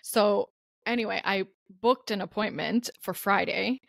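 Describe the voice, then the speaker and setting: A young woman, a guest mother in a casual interview, telling her story in a lively way, laughing often and acting out the people she quotes. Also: mid-range voice, unhurried, vocal fry, dry recording, studio quality.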